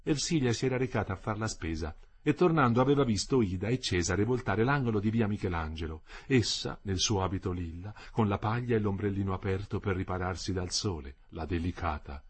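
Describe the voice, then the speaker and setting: A man narrating a literary novel as an audiobook reader, expressive and measured. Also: on the low side, slightly rough.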